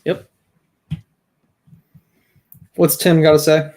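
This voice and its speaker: A man's voice: on the high side, flat delivery, extremely slow, a little mellow. A man co-hosting a sports podcast in casual chat, emphatic as he argues his points, with frequent restarts. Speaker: podcast co-host.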